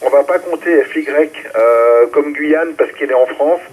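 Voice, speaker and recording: Over a ham radio transmission, a man with a fairly high, slightly mellow voice runs an amateur radio round-table at a measured pace, informally calling stations and their call signs. The sound comes from a radio transceiver microphone and is muffled and narrow-band, as on an amateur relay.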